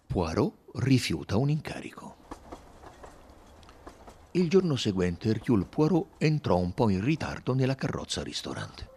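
A man's voice: medium pitch, very animated, a little slow, warm tone, a little hiss or hum. A man narrating an audiobook in a theatrical, varied reading style. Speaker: audiobook reader.

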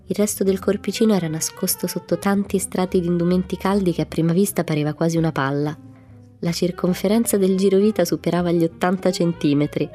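Woman reading a storybook, mellow tone. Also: on the low side. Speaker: audiobook narrator.

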